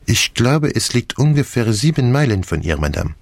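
An actor playing a clever, fussy middle-aged Belgian detective, speaking with a French accent and a precise, theatrical manner. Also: male voice, mid-range voice, sing-song, moderate pace, no echo. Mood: courteous probing. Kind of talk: audiobook character reading.

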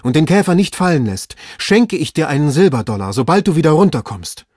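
A man reading aloud, voicing an excitable gentleman shouting urgent orders up a tree. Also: fairly high pitch, a little fast, husky, no room sound, studio quality, pitched above the performer's own voice. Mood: agitated. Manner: loud, urgent commands. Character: excitable gentleman treasure hunter, man, agitated. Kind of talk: audiobook reading.

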